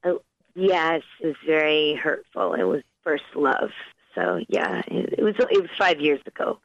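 Dull phone line, creaky hesitant female caller. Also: low-pitched, very animated, measured pace, dry recording. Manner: hesitant, tentative. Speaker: caller to a psychic radio show. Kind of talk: casual phone conversation.

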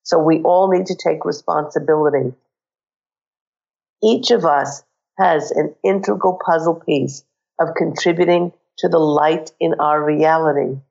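A woman hosting a spiritual radio show, hoarse with a cold and croaky, speaking in an earnest, uplifting way. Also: fairly low pitch, a little mellow, muffled recording.

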